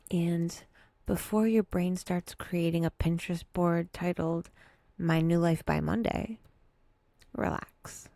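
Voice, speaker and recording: This soft, intimate guided meditation comes from a breathy woman with a fairly low voice, mellow but creaky around the edges. She talks very slowly and gently, frequently fading to near-whisper, leaving long pauses and adding a light wry edge. No room sound is audible.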